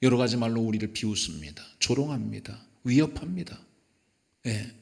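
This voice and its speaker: A man's voice: medium pitch, expressive, normal speed, vocal fry. A male pastor preaching a sermon emphatically, recorded in a church sanctuary. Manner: emphatic preaching, acting out quotes. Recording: echoey church hall.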